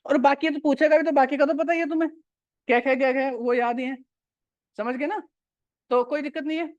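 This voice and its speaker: A man's voice: extremely high pitch, steady tone, moderate pace, no echo, lo-fi sound. A male teacher giving a classroom grammar lecture, repeating key points and quizzing his students.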